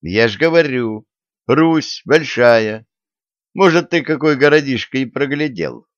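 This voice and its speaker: A man's voice: medium pitch, lively intonation, a little slow, dry recording, voice pushed up, lightly acted. A man voicing a weary, exasperated modern journalist with a sarcastic manner, on a dull lo-fi recording. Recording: dull, lo-fi dry audiobook.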